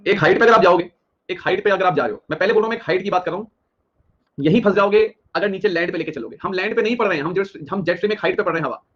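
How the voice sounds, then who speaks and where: A young man leads a live exam-prep geography lecture, quizzing his students and chanting each answer back several times. He talks very fast in a somewhat high voice. The sound is dull and slightly lo-fi. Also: a bit bright. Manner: drills questions, repeats answers rapidly, addresses students directly. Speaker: teacher.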